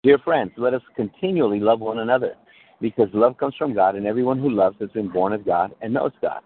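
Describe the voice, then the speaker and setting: A man's voice: lowish voice, a little fast. A male pastor preaching a sermon over a call, checking in with his listeners and restarting phrases as he goes. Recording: tinny call line that breaks up.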